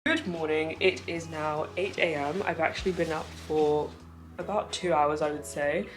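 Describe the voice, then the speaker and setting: A woman's voice: low-pitched, steady tone, moderate pace. A young woman from Portugal, a travel vlogger, chatting casually through a room tour and her travel day. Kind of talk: casual vlog narration. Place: hotel room and car. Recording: distant camera mic with loud music.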